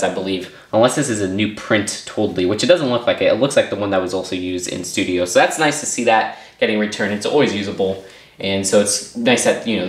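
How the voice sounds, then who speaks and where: A man giving a casual, upbeat toy set review, rambling with lots of fillers and small restarts. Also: fairly low pitch. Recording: roomy echo.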